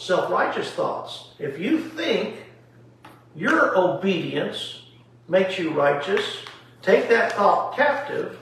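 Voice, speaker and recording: This male pastor's voice is high-pitched, gravelly and a bit bright as he teaches a home Bible study, pressing emphatic rhetorical questions. The sound comes from a distance in an echoey room, with faint noise.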